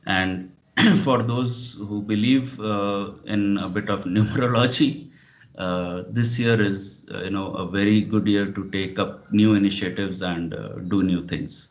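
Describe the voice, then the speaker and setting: Low-voiced man giving a webinar talk. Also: fairly even intonation, measured pace. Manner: hesitant, many fillers like "you know". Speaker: webinar speaker. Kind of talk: online webinar presentation. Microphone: video call. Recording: dull lo-fi video call audio.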